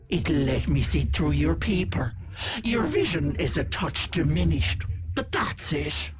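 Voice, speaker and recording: A woman's voice: low-pitched, exaggerated voice. An actress playing a wicked old hag who poses as a sweet auntie in a video game, switching between sugary and sly, menacing talk. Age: older. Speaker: game character.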